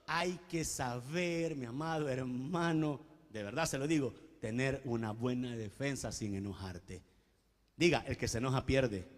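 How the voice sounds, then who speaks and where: A man's voice: medium pitch, measured pace, in a large hall. A man preaching a sermon as pastor, stressing his points and often addressing listeners as beloved brother. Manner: emphatic preaching, calls out "mi amado hermano".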